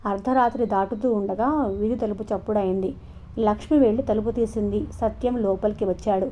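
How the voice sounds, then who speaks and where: A woman narrating a novel in a steady, expressive storytelling voice. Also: mid-range voice, a little fast, a little hiss or hum. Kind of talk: novel reading. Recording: dull lo-fi recording.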